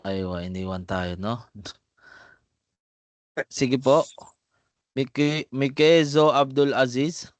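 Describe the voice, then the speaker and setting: A man teaching the Arabic alphabet on a video call, patient and unhurried, calling on students by name. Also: mid-range voice, no echo. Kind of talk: online class drilling letter sounds.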